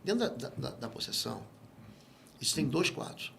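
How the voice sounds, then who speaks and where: A man with a Brazilian Portuguese accent, a guest pastor teaching in an interview and telling stories with lively acted-out dialogue. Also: mid-range voice, normal speed, vocal fry, a little hiss or hum. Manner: animated storyteller who acts out quoted dialogue. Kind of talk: interview, teaching on spiritual matters.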